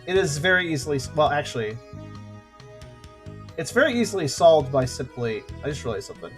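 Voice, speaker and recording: A man's voice: a little high, fairly bright tone. A man hosting a gaming video with casual let's-play commentary and wry, joking asides. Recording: light game music behind.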